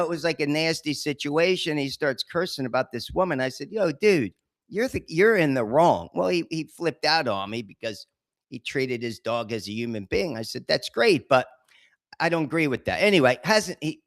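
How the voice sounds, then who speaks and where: Chatty streetwise man, higher-pitched voice. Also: fairly bright tone, no echo, studio quality. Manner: chatty, rambling, streetwise with frequent asides. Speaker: podcast host. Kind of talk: casual storytelling monologue.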